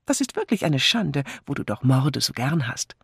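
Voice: mid-range voice, very animated, moderate pace, creaky, husky, no room sound, clean studio sound, pitched above the performer's own voice, full character voice. A reader voicing a cheerful, chatty vicar's wife who gushes in a bubbly way, in an audiobook. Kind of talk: audiobook character voice.

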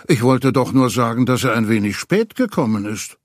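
A man's voice: medium pitch, lively intonation, moderate pace, no echo, studio quality, lightly acted. A man voicing a friendly, chatty male rabbit in a storybook reading. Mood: puzzled. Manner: chatty, lightly puzzled.

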